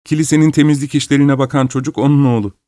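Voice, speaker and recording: A man's voice: medium pitch, steady tone, fast talker, dark tone, dry recording, clean studio sound, pitched above the performer's own voice, lightly acted. A man voicing a gossipy old spinster woman who giggles and exclaims, in a storybook reading. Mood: gossiping.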